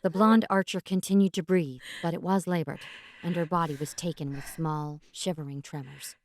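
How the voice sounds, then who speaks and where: A woman narrating a fantasy story in the first person as a dramatic, theatrical reading with deliberate pauses. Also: lowish voice, slight background noise. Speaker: audiobook narrator.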